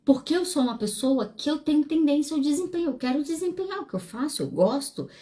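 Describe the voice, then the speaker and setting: Woman psychologist, podcast monologue, frank and animated, fairly high voice. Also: fast. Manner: animated storytelling with wide pitch swings; frank and self-deprecating.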